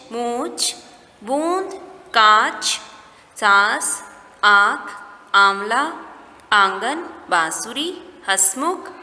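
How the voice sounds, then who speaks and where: A woman teaching a recorded lesson to young children, explaining each step slowly and asking simple questions along the way. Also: sits high, pushed and bright. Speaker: primary school teacher. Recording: echoey room with long reverb.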